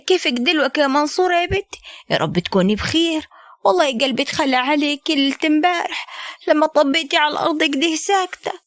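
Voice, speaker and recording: A woman playing a sharp-tongued Upper Egyptian mother-in-law. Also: high-pitched, lively intonation, fast, dry recording, studio quality, voice pushed up. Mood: coaxing. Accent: Upper Egyptian Arabic. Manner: scolding, sweet-talking then sharp.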